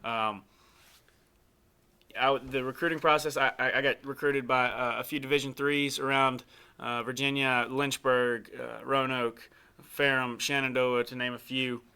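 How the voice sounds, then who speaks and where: A young man hosting a casual interview, easygoing and halting, with frequent fillers and restarts. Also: medium pitch, flat delivery, pushed and bright, smooth. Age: young adult. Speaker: host.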